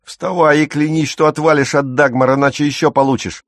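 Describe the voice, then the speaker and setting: A man playing a quiet teen boy turned fierce. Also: on the high side, fairly even intonation, a little fast, no echo, clean studio sound, voice pushed up, natural voice. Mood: threatening. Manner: shouting, threatening.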